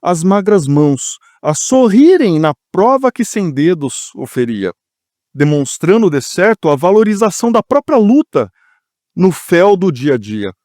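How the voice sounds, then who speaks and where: A man's voice: high-pitched, big pitch swings, unhurried, darkish tone, no room sound, clean studio sound. A man reciting a poem dramatically at a spiritist meeting. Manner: emotive, declamatory recitation. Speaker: poetry reader at a spiritist meeting.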